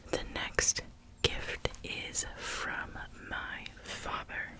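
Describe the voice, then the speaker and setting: An ASMR creator chatting in a soft, breathy whisper, with gentle pauses between phrases.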